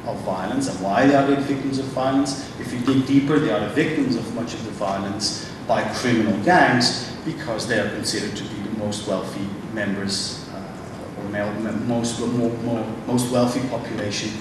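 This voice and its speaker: A man speaking on a conference panel, halting and restarting often as he thinks aloud. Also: on the low side, steady tone. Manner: halting, many restarts and fillers. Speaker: panel speaker from a refugee agency. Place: large conference hall. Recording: echoey hall, distant mic, noisy.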